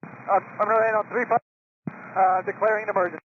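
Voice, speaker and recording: A man's voice: high voice, little pitch movement, quick pace, dry recording. A male pilot talking over a cockpit headset radio in clipped radio phraseology. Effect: cockpit headset radio transmission. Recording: dull lo-fi ATC radio, faint hiss.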